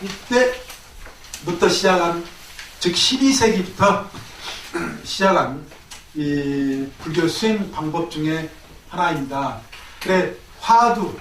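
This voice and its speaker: A man's voice: fairly high pitch, expressive, slow pace, long pauses, fairly bright tone, slight background noise. Lecturing man, echoey room from afar. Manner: asks the class frequent rhetorical questions. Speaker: Buddhist college lecturer. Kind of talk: classroom lecture. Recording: echoey room, mic at a distance.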